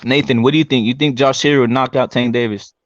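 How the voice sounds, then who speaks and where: A man from California hosting a casual livestream about boxing, his voice breaking up into glitchy robotic audio with jumping pitch. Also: fairly even intonation, fast talker, dry recording. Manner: loose, slangy, repeats himself. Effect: glitchy robotic stream audio with jumping pitch. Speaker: livestream host. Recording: dull lo-fi stream audio.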